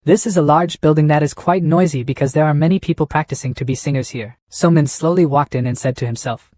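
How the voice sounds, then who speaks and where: A man narrates a story recap in a steady, plain reading voice. His pitch sits a little high, and the recording is dry and close with no room sound. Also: quick pace, dry recording.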